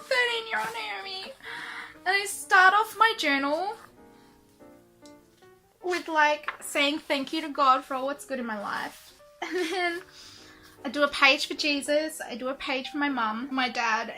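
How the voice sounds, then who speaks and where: A woman's voice: high-pitched, pushed and bright. A young woman reading her old diaries aloud in a casual, self-mocking and embarrassed way. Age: young adult. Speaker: vlogger.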